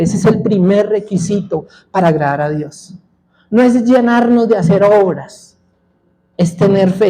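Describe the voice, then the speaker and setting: A male pastor preaching a sermon in a church, with a high-pitched voice for a man. His tone is mellow and soft-edged rather than bright. He asks the congregation questions and leaves gaps for them to call back the answers. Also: rough recording. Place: church sanctuary.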